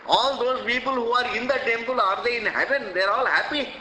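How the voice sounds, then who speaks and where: A man's voice: very high voice, brisk, bright, forceful tone, a little hiss or hum. An older man with an Indian accent giving a spiritual discourse, emphatic and repetitive, full of rhetorical questions, recorded in an echoey hall. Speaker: swami teaching scripture.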